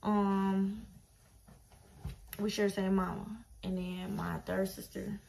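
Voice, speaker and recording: This woman's medium-pitched voice is level, slow, gravelly and slightly mellow, with a bit of hiss or hum in the background. A 21-year-old vlogger from Detroit, Michigan, USA, she talks casually and bluntly to camera, full of slang and easygoing, inside a small bedroom.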